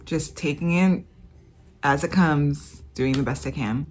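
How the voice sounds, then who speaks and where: A woman with a low voice talks to camera in a casual vlog. She speaks slowly and softly, tired and halting. Her phrases trail off into long pauses. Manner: slow, soft, tired and halting. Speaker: vlogger.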